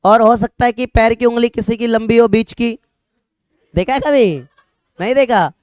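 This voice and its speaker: A young male teacher with a smooth, resonant voice talks a classroom through a lesson. He is conversational and repeats his checks again and again. He jokes with the students now and then. The sound is dry and close. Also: extremely high pitch, fairly even intonation, moderate pace, a little mellow, no room sound. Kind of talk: classroom lecture.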